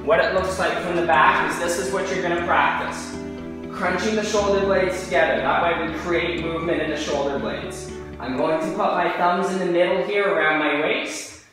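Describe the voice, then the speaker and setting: A man's voice: high-pitched, fairly even intonation, moderate pace. A man coaching a workout demonstration, giving informal instructions in short imperative cues and counts. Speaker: fitness coach. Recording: very echoey, distant, music over voice. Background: music.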